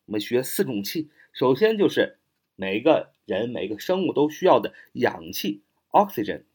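A male teacher teaching vocabulary in an animated voice of middle pitch. He often drops into slow, careful spelling, letter by letter, and repeats each example sentence. His phrases often end with a drawn-out "啊". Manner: ends phrases with the filler "啊". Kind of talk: spoken vocabulary lesson.

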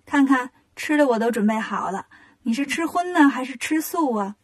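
A woman's voice: high voice, lively intonation, normal speed, slightly rough. A woman doing a coaxing female demon. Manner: coaxing, teasing. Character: scheming, flirtatious female demon in a cave.

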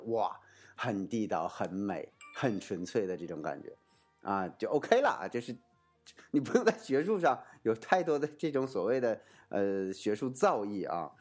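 A man advising on study abroad in casual explanatory talk, asking himself rhetorical questions and often restarting with fillers. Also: lowish voice. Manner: animated, swooping intonation.

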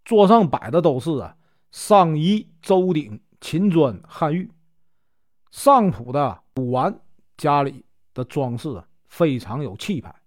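A man's voice: fairly high pitch, big pitch swings, takes it slowly, darkish tone. A man with a Northeastern Mandarin accent narrating a traditional tale, chatty with filler particles between phrases. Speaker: storyteller.

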